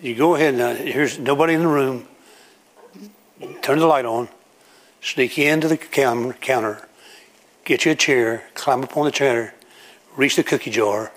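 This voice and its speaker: Preacher guy telling homey stories to his congregation, acts out little scenes, normal pitch. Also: measured pace, pauses often. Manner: folksy storytelling, acting out everyday scenes. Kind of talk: sermon. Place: church room with a congregation.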